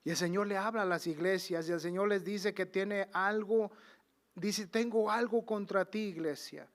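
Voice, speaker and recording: A man preaching a fervent sermon, booming on key phrases and dropping to quiet low asides, drawing out quoted scripture slowly. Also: fairly even intonation. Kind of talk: Pentecostal sermon.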